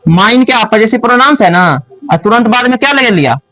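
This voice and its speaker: High-voiced man teaching a classroom. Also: animated, brisk, sharp tone, soft background music, low-quality recording. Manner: quizzing students, often raising voice.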